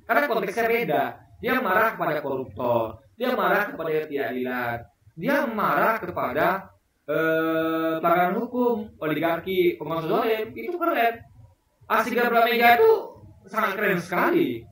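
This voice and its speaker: A man's voice: high voice, animated, moderate pace, fairly bright tone, a little hiss or hum. A man giving casual spoken political commentary to his viewers, emphatic, asking rhetorical questions and addressing them directly. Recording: very echoey room, voice far from the mic.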